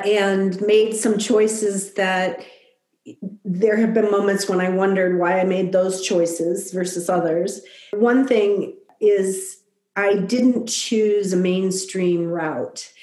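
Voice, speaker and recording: A middle-aged woman speaks thoughtfully in an interview, pausing often and putting in "you know" as she works through her ideas. Her voice sits in an ordinary middle pitch. It carries a noticeable echo, as if she is in a roomy space. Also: steady tone, a little mellow. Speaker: guest. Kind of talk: conversational interview.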